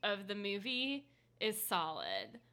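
An American woman co-hosting a podcast in relaxed, casual conversation. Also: mid-range voice, slow, smooth. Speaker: podcast co-host. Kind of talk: casual chat.

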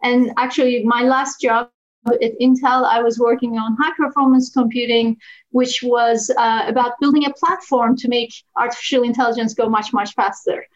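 A woman from Turkey, a guest telling her career story in an energetic way. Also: a little high, normal speed. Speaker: guest, analytics executive. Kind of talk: podcast interview. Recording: dull, muffled line.

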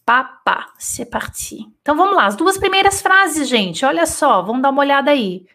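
A woman teaching French in a live online lesson, dictating slowly and then explaining in chatty, easygoing Portuguese with lots of "tá?" checks. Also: high-pitched, expressive, bright, forceful tone.

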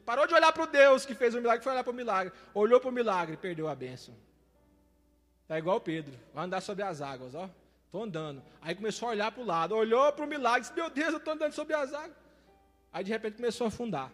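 High-voiced impassioned preacher in a hall. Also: male voice. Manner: impassioned, repeats phrases, swings between loud and soft. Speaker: evangelist preacher. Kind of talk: sermon.

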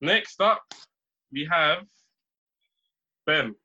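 A young man hosts in a bright, fairly high voice. He is informal and encouraging, moderating casual banter. The audio is slightly muffled. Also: animated, extremely slow. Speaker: host of a football draft.

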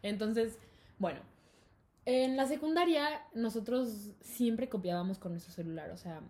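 A young woman with a Mexican accent telling a school story in casual chat, lively and full of laughter. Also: a little slow. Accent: Mexican Spanish. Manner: animated, laughing, acts out quotes in high voices.

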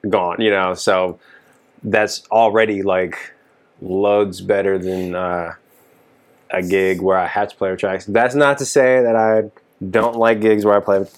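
A touring keyboard musician in his thirties from Dallas, Texas, chats on a podcast in a lowish voice, a little slow. He's relaxed and rambling, full of fillers like "you know."

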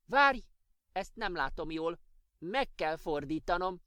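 A man voicing a tiny, excitable male clock gnome in a children's audiobook, fussing and exclaiming. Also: high voice, clear, resonant tone, no echo, clean studio sound. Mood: excited.

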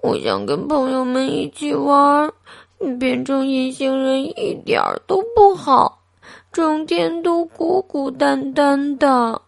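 A woman voicing an invisible little boy who calls out in a high, tearful voice. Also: slow pace, a little mellow. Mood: tearful, pleading.

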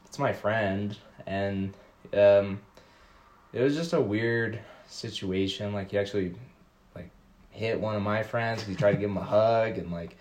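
A man appears as a guest on a casual chat show. He rambles and stops and starts, leaning on "like" again and again, in a fairly low voice. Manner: rambling, halting, heavy use of "like".

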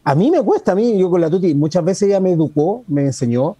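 A man's voice: high-pitched, animated, fast, dark tone, husky, dry recording, muffled recording. A man with a Chilean accent co-hosting a radio talk show, chatting casually, rambling and joking with slang. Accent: Chilean Spanish. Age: adult parent. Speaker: radio co-host.

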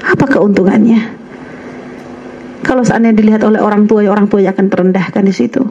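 A woman's voice: mid-range voice, steady tone, quick pace, warm tone, muffled recording. A woman religious teacher giving an earnest, admonishing radio lecture, calling her young listeners "child".

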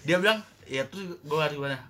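A man's voice: a little high, quick pace, fairly bright tone. A young man with telling a story in a casual podcast chat, flustered and swearing casually. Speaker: podcast co-host.

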